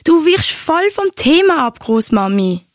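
An eager, curious young grandchild, as a woman puts her on, asking question after question in a bright, high voice with a Swiss German accent. It is recorded very dry. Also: big pitch swings, a little slow, dry recording. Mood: teasing.

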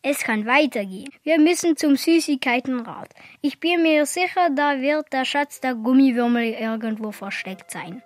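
A woman voicing a sensible young friend in a children's audio story, calm and reassuring. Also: sits high, moderate pace, hardly any pauses, dry recording, clean studio sound, lightly acted.

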